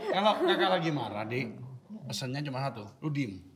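Lively teasing middle-aged man host. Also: medium pitch, fairly quick. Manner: loud, teasing banter with laughs. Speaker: show host. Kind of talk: casual joking chat.

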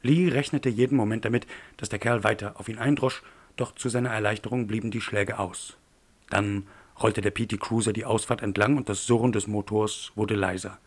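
Low-voiced male audiobook narrator. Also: fairly even intonation, brisk.

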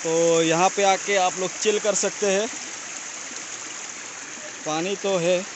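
A man's voice: high voice, fairly even intonation. A young man from Assam chatting to viewers as a travel vlogger, filming himself on a phone at arm's length outdoors by a waterfall. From Assam, India. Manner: friendly, addresses viewers as friends. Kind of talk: casual travel vlog. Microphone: phone held at arm's length. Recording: loud rushing water and outdoor noise. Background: waterfall and stream.

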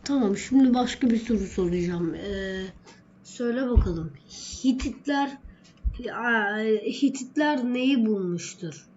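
A woman's voice: a little high, lively intonation, a little slow, a little mellow, highs cut off, a little hiss or hum. A woman voicing a stern, bossy male schoolteacher who quizzes and scolds a pupil in a homemade skit. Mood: scolding. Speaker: social studies teacher character.

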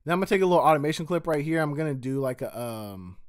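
Chill producer dude explaining his mix, kinda high voice, slangy and relaxed. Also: rapid-fire. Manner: laid-back, slangy, talks through steps on screen. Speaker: music producer. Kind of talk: casual tutorial walkthrough.

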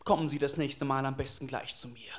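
A man's voice: medium pitch, fairly even intonation, brisk, pitched below the performer's own voice, close to an everyday voice. A man voicing a smug male detective who talks down to others in a dry, condescending way.

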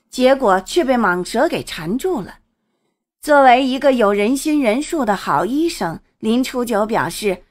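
A woman narrating a serialized fantasy novel in a lively storytelling manner. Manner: lively storytelling, swings pitch with the action. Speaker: audiobook narrator.

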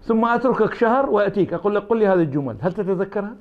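Fast-talking high-voiced man from Iraq. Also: animated, lo-fi sound. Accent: Iraqi Arabic. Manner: argumentative, uses imagined dialogues. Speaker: academic guest. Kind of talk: interview answers.

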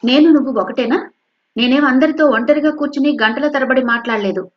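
A woman's voice: high voice, brisk, voice pushed up, natural voice. A woman voicing a worried, strict middle-aged mother who scolds her daughter sharply. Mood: scolding. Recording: dull lo-fi recording.

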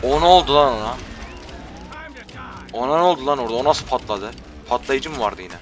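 A man casually commenting while he plays a video game, loud and joking, scolding enemies, on a headset mic. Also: medium pitch, expressive, a little fast. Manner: rowdy, swears at enemies, joking. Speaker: gameplay commentator. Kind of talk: casual let's play commentary. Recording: voice over game audio and music.

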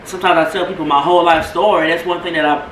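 A woman's voice: lowish voice, steady tone, fast talker. Woman co-host, casual vlog chat, candid and rambly, echoey room, mic set back. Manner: candid, rambling, talks openly about herself. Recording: roomy echo, distant mic, background noise.

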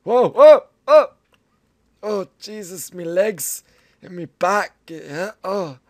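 A man's voice: sits high, expressive, slow, dry recording, voice pushed up. A young man faking a fretful old man's voice, strained and exclaiming, as comic commentary on a game.

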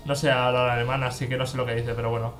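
A man giving let's play commentary, excitable and cursing as he reads game text aloud. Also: medium pitch, fast talker, faint music behind. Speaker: gaming YouTuber.

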